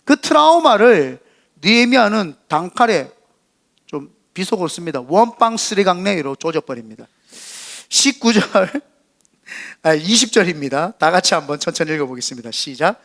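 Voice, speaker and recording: A man with a rather high voice preaches a church sermon. He moves between a quiet, low delivery and sudden loud, rising calls to get up and try again. Now and then he acts out the mockers' scornful voices. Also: sing-song, moderate pace, gravelly. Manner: impassioned preaching, acting out quoted voices of mockers and encouragers. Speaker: senior pastor. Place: church sanctuary.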